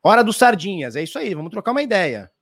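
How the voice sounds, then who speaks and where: A Brazilian man with a high-pitched, sing-song and slightly bright voice hosts a casual crypto live stream, talking quickly in a Brazilian Portuguese accent. Standing at his stream mic, he answers viewer questions loosely, full of slang, swearing and restarts.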